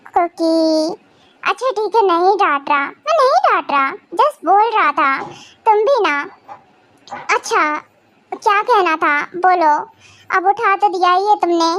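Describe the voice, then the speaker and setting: A woman's voice: extremely high pitch, lively intonation, unhurried, a bit bright, full character voice. A woman voicing a sleepy, exasperated young husband who grumbles and then coaxes his wife in a fan audio drama. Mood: coaxing. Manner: grumbling, scolding then soothing.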